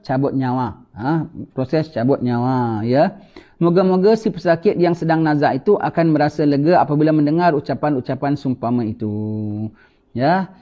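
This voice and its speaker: A man gives a religious lecture, preaching in an animated way and often prompting listeners with "ha?". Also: fairly high pitch. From Singapore. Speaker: religious teacher. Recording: lo-fi dull lecture recording.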